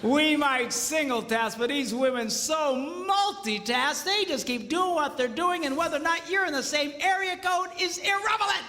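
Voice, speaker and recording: A man in his fifties, a pastor, telling comic marriage stories in a lively seminar style that keeps jumping into high impressions. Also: normal speed, few pauses, big-room sound, a little hiss or hum. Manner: animated storytelling, jumps into high impressions.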